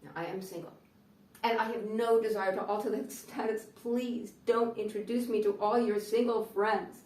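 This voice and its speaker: A woman's voice: mid-range voice, steady tone, normal speed, a little mellow. American woman comic, dry sardonic stand-up monologue, recorded in an echoey room from a distant mic. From United States. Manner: dry, sardonic delivery with playful asides. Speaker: comedian.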